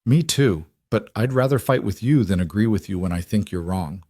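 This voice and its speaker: A man voicing a warm-hearted young ranch cook woman, speaking earnestly and firmly. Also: on the low side, expressive, moderate pace, dry recording.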